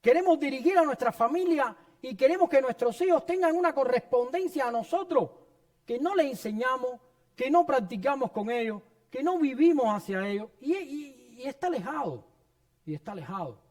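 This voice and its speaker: A man's voice: extremely high pitch, expressive, moderate pace, a little mellow. A man preaching a sermon in a church, earnest and personal, sharing his own story and addressing the congregation as brothers. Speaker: pastor.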